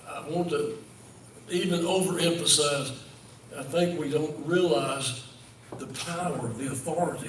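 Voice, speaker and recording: A man leads a Bible study in a church room. He speaks in a slow, measured way, with his voice sitting a little high, and he repeats key words to stress them. He often asks the group questions and confirms their answers. The room is echoey, and he sounds some distance from the mic, with a faint hum in the background. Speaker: pastor teaching a Bible study.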